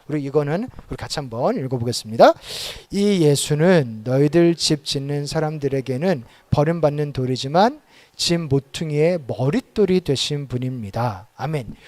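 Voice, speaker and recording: Animated high-pitched preaching man. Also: no room sound. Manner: animated, with dramatic quoted exclamations. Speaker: pastor. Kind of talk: sermon. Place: church auditorium.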